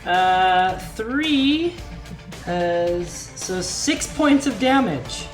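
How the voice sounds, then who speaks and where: Woman game master, commanding and brisk, narrating tabletop combat; echoey space, music clearly behind. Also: lowish voice, animated. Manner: brisk, commanding calls of rules and countdowns.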